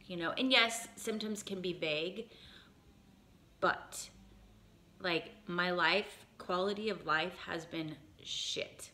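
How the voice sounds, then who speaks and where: A woman's voice: lowish voice, pushed and bright, slight background noise. A woman in her late thirties talking candidly in a casual personal vlog, rambling with lots of fillers and restarts. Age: 30s. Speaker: vlogger.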